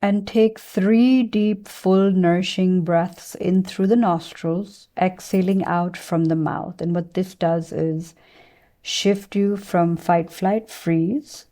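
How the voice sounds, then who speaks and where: Gently and very slowly, a woman who teaches meditation and yoga leads a guided session in a steady, soft, very mellow tone pitched slightly low. She leaves space between phrases while giving calming instructions.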